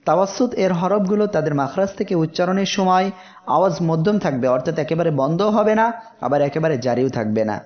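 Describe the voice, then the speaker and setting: High-voiced man teaching letter sounds. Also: animated, highs cut off. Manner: slow explanatory teaching, stretched letter sounds as examples. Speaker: Quran recitation teacher. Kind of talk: tajweed lesson.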